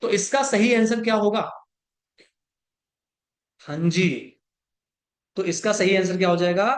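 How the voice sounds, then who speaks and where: This is a male chemistry teacher giving a lecture in class with a high-pitched voice. He keeps confirming his students understand and uses English terms, dictating slowly before picking up speed to explain.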